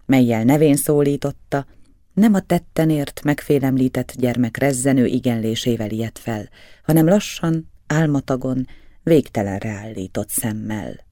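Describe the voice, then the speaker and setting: A man reading a novel as an audiobook in steady, measured narration. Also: medium pitch, no echo, studio quality.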